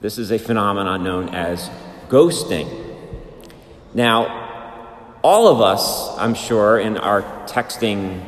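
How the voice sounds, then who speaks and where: Low-voiced priest in cathedral echo. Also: male voice, animated, slow, pauses often. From United States. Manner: chants the liturgical greetings. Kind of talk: sermon and liturgical reading. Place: large church, amplified in a reverberant space. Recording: cathedral echo, long church reverb.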